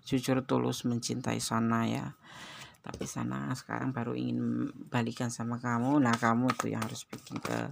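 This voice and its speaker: A woman's voice: extremely low pitch, gravelly, background noise. A woman giving a chatty, exclamatory tarot reading to her viewers. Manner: chatty and exclamatory, with frequent religious interjections. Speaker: tarot reader.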